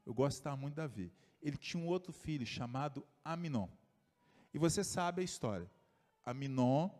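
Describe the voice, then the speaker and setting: A man preaching a sermon as pastor, telling stories and dropping his voice low and soft for the people he quotes. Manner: storytelling, voice drops low and soft for quoted figures. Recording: long church reverb.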